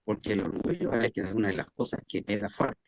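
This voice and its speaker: A doctor leading a mental health seminar, explaining in a conversational way and acting out small example dialogues. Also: male voice, lowish voice, quick pace.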